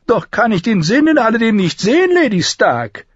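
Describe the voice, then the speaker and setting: A man voicing a sharp-tongued dwarf nobleman with a dry, sardonic manner in an audiobook reading. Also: high-pitched, normal speed, dry recording, muffled recording, voice pushed up, lightly acted. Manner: sardonic, commanding.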